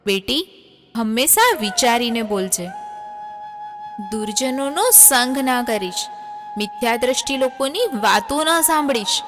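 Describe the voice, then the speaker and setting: An actress playing a loving queen mother who tenderly gives her daughter advice in a soft, tearful voice. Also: fairly high pitch, expressive, a little slow. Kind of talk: devotional audio drama. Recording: long reverb, music underneath.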